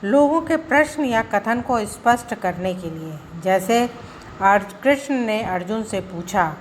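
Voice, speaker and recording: A woman teacher giving a school grammar lesson, explaining slowly and deliberately with examples. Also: mid-range voice, expressive, slight background noise.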